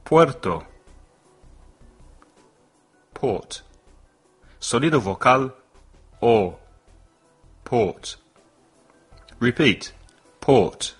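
A man hosting a bilingual English lesson podcast, leading slow, deliberate vocabulary drills with lots of repetition. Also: medium pitch, animated, slightly rough, faint music behind. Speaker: English teacher and podcast host.

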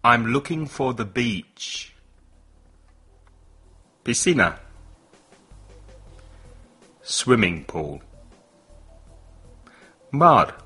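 Slow, husky male English teacher. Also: medium pitch, sing-song, pushed and bright, faint music behind. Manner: slow, deliberate vocabulary drills with repetition. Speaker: English teacher and podcast host. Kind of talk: bilingual language lesson podcast.

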